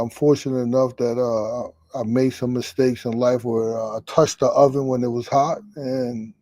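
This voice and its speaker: A middle-aged man speaking as a boxing coach, with a gravelly edge to his mid-range voice. He talks loosely and frankly, cursing casually. The sound is dry and close. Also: mid-range voice, warm tone, no echo, poor audio. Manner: loose and candid, swears, laughs easily. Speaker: boxing head trainer. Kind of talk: casual interview answers.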